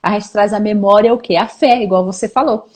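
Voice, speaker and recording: A woman from São Paulo with a Brazilian accent talks earnestly about faith and courage in a live conversation. Her voice sits at an ordinary middle pitch, and she speaks in an encouraging, conversational way, often ending phrases with a questioning tag. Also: fairly quick, a little mellow. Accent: Brazilian Portuguese, São Paulo. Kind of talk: faith-based live chat.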